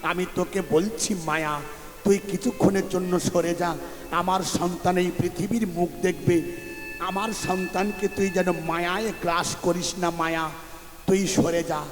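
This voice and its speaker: A man voicing a weeping mother who softly pleads with her unborn son, in a sung sermon. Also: high-pitched, level tone, unhurried. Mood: pleading. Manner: soft, pleading, tearful. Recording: echoey hall with faint music.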